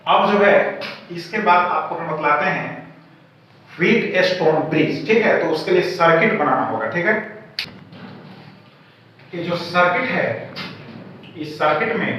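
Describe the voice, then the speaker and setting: A man's voice: fairly high pitch, animated, measured pace, long pauses, a bit bright. A man teaching a physics lesson, explaining each step and often checking with the class. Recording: echoey room, distant mic, dull sound, faint hiss.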